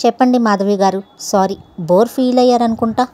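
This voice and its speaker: A woman's voice: fairly high pitch, fairly even intonation, brisk, mellow, lightly acted. Lady reading polite young office guy, courteous, throws in english words. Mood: calm. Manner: courteous, mixes English phrases.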